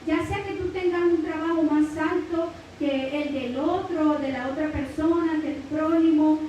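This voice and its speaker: A woman from Mexico with a Guerrero Mexican Spanish accent preaches a church Bible lesson in a high, mellow voice with fairly even intonation at a measured pace, the highs cut off. She peppers her teaching with "amen" and praise phrases, calling listeners brother. The mic is distant in a very echoey hall, with faint hiss.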